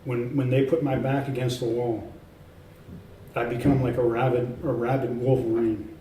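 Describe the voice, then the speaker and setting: A guest author's warm, level, medium-pitched voice moves at a moderate pace through a casual in-person interview, rambling with many fillers and restarts in an emphatic, self-assured manner. There's a little hiss or hum, an echoey room, faint ambience, and he's far from the mic.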